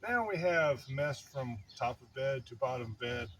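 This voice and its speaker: A grandfatherly older man chats casually, slightly out of breath, as if settling in to tell a long story. His delivery rambles, with wry, mock-dramatic self-pity. He is recorded outdoors, with clear background noise and birdsong around him. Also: medium pitch, lively intonation, unhurried, fairly bright tone. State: somewhat breathless. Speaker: vlogger telling a personal story. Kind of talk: casual fireside chat monologue.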